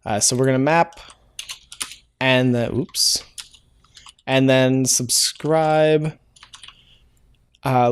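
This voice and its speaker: A man with a clean, mid-range voice hosts a casual live-coding tutorial, thinking out loud as he programs. He uses lots of "uh" fillers and corrects himself often, while keyboard typing and clicks sound in the background.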